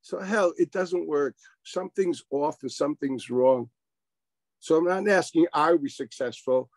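A man's voice: on the high side, unhurried, no room sound, poor audio. A man teaching an informal Torah class over a video call, wry and sarcastic, firing rhetorical questions and sprinkling in Hebrew and Yiddish terms.

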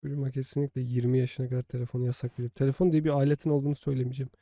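A man's voice: mid-range voice, flat delivery, rapid-fire, mellow, slight background noise. A man in his thirties reacting casually to videos on a livestream, talking informally to his viewers. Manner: conversational, addresses viewers informally. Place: small room at home, indoors. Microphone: desk microphone on boom arm.

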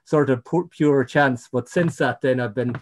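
Unhurried and medium-pitched, a middle-aged man from Ireland appears as an ecologist guest in a relaxed interview. His storytelling wanders, with lots of false starts and repeated "you know"s.

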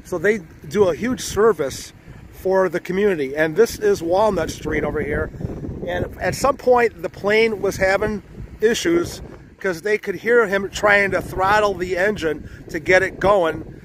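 A man's voice: high-pitched, a little slow, fairly bright tone, slight background noise. A man hosting a casual food-review vlog, chatting and rambling while he eats at a buffet restaurant. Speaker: vlog host. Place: buffet restaurant, then outdoors.

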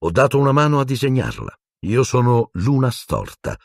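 Male narrator as calm middle-aged wizard mentor, measured, husky, dry studio read. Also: mid-range voice, no room sound, pitched above the performer's own voice, exaggerated voice. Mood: explaining. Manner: measured, explaining, mildly impatient.

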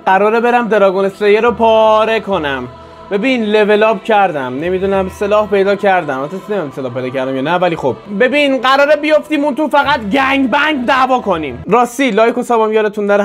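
A man playing a video game and commenting, excitable and taunting the enemies, with sudden loud swings into yelling. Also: sits high. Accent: Persian. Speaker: gaming YouTuber. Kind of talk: let's play commentary.

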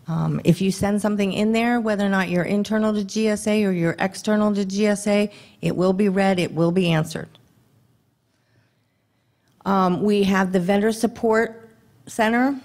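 A woman in her thirties giving a conference talk at a podium microphone in a dim hall, brisk and conversational, throwing rhetorical questions to the audience. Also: fairly low pitch. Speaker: government contracting presenter. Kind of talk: conference presentation.

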